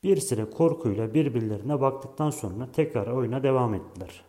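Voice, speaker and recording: Guy reading a storybook out loud, calm and even, mellow warm voice. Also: mid-range voice, moderate pace. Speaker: narrator. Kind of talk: storybook narration.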